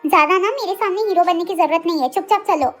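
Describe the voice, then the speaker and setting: A woman's voice: extremely high pitch, fast, faint music behind. A woman voicing a caring young woman who pleads and scolds in a dramatized story reading. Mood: scolding.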